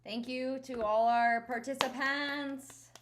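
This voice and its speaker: A woman's voice: high-pitched, steady tone, takes it slowly, noisy background. A woman co-hosting a livestream, casually chatting and thanking viewers. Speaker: livestream co-host.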